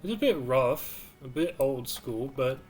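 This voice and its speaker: A man streaming a video game, slowly musing aloud to himself in casual commentary. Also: mid-range voice, expressive, faint music behind. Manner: slow, musing, mutters to himself.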